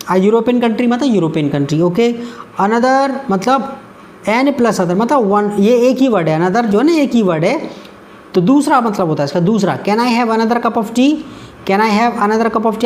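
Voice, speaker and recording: A woman teaching English grammar, repeating key points and reading example sentences slowly and deliberately. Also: medium pitch. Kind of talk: explanatory lesson.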